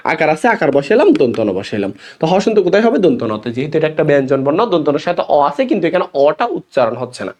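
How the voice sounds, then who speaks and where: Fast, lively Bangladeshi Bengali teacher. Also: male voice, a little high. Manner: explains step by step, often asks students questions. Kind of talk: classroom lecture.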